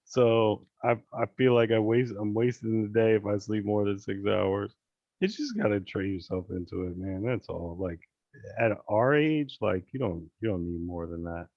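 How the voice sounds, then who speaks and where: A man coaching on a casual screen-share call, chatty and relaxed, with many fillers and restarts. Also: on the low side, moderate pace, no echo, highs cut off. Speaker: real estate investing coach. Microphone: video call.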